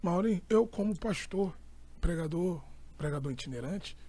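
A young man with a Brazilian accent tells his story in a casual chat, animated and emphatic. His voice sits high and has a husky edge. He speaks like a preacher recounting a moving moment. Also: normal speed. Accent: Brazilian Portuguese. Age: young adult. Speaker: itinerant preacher and pastor.

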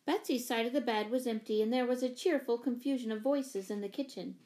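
A woman reads a children's novel aloud in a clear, even audiobook style. Her voice sits fairly high and her pacing is steady and measured. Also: rough recording. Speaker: narrator. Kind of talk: audiobook narration.

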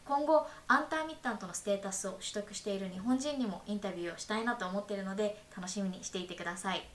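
A woman's voice: mid-range voice, quick pace, a bit bright. Polite woman podcast host, echoey room. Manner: polite, attentive interviewer. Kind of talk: interview and explanatory aside. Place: room in Paris. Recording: echoey room, faint hiss.

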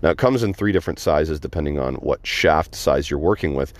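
Casting: deep-voiced male host, casual, stumbles over restarts, dry close sound. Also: a little fast, no room sound. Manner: stammering restarts, jokey asides. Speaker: podcast host. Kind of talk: casual chat.

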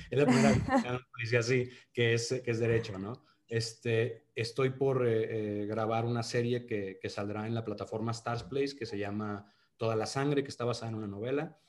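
A podcast guest in his thirties, from Monterrey, Mexico, speaks at normal speed in a mid-range, slightly mellow voice with a northern Mexican accent. The casual interview chat is peppered with fillers and restarts, and his tone goes from earnest to playful.

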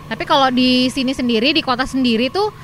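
A woman podcast co-host from Indonesia with a fairly high voice. She chats casually and colloquially, telling stories and dropping in English words, with faint noise behind her. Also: fast talker, a bit bright. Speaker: podcast co-host, works in broadcasting. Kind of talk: casual chat, personal storytelling.

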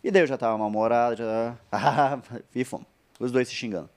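Fast-talking Brazilian man telling a story. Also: mid-range voice, background noise. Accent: Brazilian Portuguese. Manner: animated anecdote with repeated phrases and quoted asides. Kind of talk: casual storytelling.

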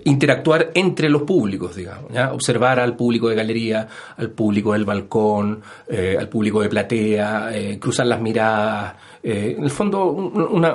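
A Chilean historian appears as a guest on a radio interview, explaining things in an unhurried way with a mid-pitched voice. He hedges often and fills his speech with "eh" and "¿no?" The sound comes through a studio microphone.

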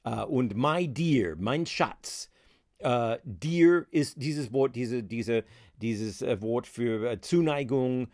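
A man's voice: mid-range voice, takes it slowly, darkish tone, dry recording, clean studio sound. A man hosting a podcast language lesson, explaining words patiently with many hesitant fillers. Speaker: podcast host teaching English. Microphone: podcast microphone.

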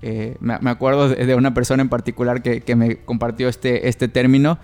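A man's voice: medium pitch, flat delivery, a little fast, darkish tone. A man with a Mexican accent, a therapist guest in a casual podcast chat, telling stories and acting out quoted voices. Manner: storytelling, acts out quoted voices, frequent restarts.

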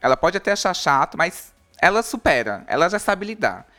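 A man's voice: high-pitched, big pitch swings, brisk, sharp tone. A man in a casual group chat, candidly telling his own dating stories.

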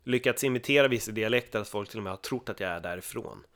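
A man from Sweden, a podcast guest in casual chat, telling lively stories and acting out the voices of people in them. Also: on the low side. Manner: lively storyteller who acts out voices.

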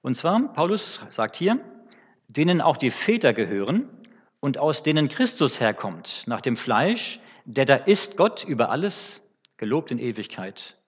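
Husky male preacher, halting teaching sermon, booming church reverb, muffled lo-fi sound. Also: big pitch swings. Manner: unscripted, halting with fillers and restarts. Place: church hall.

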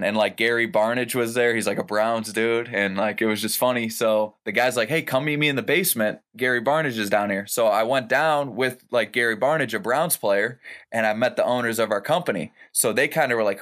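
A man's voice: mid-range voice, a bit bright. A man in his twenties from Ohio, a guest telling stories casually and rambling, full of "like" and "you know". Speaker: guest, professional wrestler. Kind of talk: casual storytelling.

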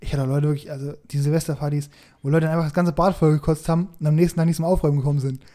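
High-voiced, fast-talking young man. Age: young adult. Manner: animated, slangy, addresses listeners. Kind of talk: casual podcast chat.

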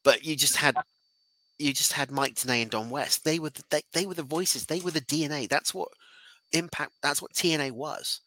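A man co-hosting an opinionated wrestling discussion, feeling rough and unwell, pressing his points insistently by repeating phrases. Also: fairly high pitch, normal speed, pushed and bright, rough recording. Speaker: podcast co-host.

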